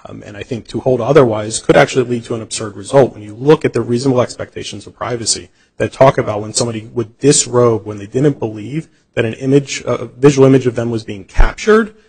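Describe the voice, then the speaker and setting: A male attorney making a formal, measured oral argument in a courtroom. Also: medium pitch, darkish tone, husky, rough recording. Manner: formal and measured, repeatedly says "Your Honor". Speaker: attorney arguing before an appeals court.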